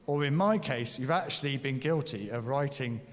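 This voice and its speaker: A man's voice: medium pitch, moderate pace. A man preaching a sermon in a conversational, jokey way. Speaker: pastor. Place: church. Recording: long church reverb.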